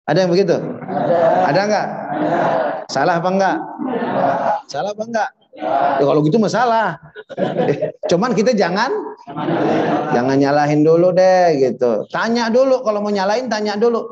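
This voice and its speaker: A man giving a religious lesson to a live audience. He keeps quizzing his listeners with quick questions and chants Arabic prayer phrases slowly. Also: high-pitched, animated, a loud crowd. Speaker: religious teacher. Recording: echoey, slightly dull hall recording.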